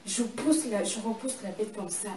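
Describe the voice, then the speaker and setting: A woman's voice: mid-range voice, moderate pace, dark tone. A woman giving a personal testimony in conversation, telling her story vividly and acting out what happened. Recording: echoey and distant with noise.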